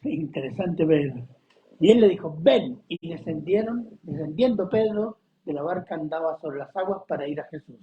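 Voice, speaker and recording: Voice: mid-range voice, lively intonation, normal speed. A Chilean preacher giving a conversational Bible study sermon, who keeps asking the audience questions and coughs often. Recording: dull lo-fi recording.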